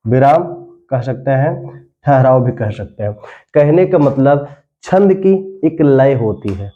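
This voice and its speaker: A man teaching a grammar lesson, explaining slowly with many repeated phrases and drawing out verse lines as he chants them. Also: a little high, mellow, highs cut off.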